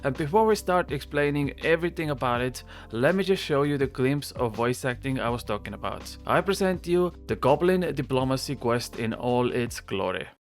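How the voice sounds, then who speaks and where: A man's voice: mid-range voice, lively intonation, normal speed, few pauses. A man hosting a gaming video with conversational, emphatic, enthusiastic scripted narration. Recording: music bed under voice. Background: background music.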